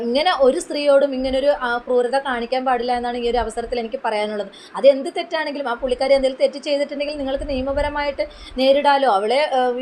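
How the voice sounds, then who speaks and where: A woman commenting on another person's video, explaining in a steady way. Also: high voice, a little hiss or hum, rough recording. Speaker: YouTube commentator.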